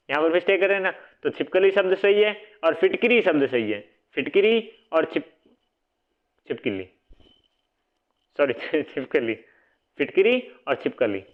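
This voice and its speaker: A man's voice: a little high, animated, normal speed. A man teaching a casual exam-prep spelling lesson, repeating each word and quizzing his listeners, sometimes correcting himself. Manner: repeats words, quizzes listeners with "what will it be?"; self-correcting, casual asides. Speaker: Hindi grammar teacher. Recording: phone-like narrow band audio.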